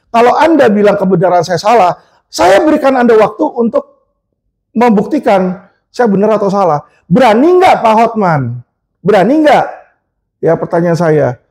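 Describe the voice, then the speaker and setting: A man's voice: very high voice, darkish tone. A middle-aged man, a lawyer, delivering a combative, scolding rant straight to camera and firing rhetorical questions at a rival.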